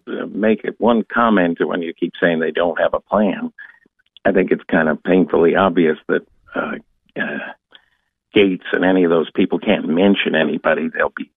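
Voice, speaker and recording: A man's voice: low-pitched, gravelly, slightly rough, no echo. A male radio caller giving an unscripted political opinion over a narrow phone line. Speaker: radio call-in listener.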